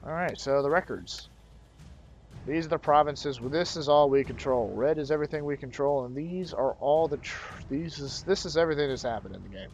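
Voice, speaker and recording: A man walks through a game in a casual tutorial. His voice sits a little high, and he talks in a loose, slangy way, checking in with quick questions. The recording is dull and lo-fi. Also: a little mellow, slight background noise. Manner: loose, slangy, keeps saying "man" and "bro"; thinks aloud, with restarts and checking questions.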